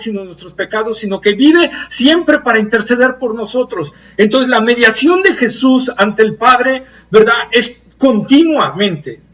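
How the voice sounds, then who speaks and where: High-voiced man preaching, distant mic. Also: fairly bright tone. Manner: earnest, emphatic, slows to stress key phrases. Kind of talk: Bible study sermon.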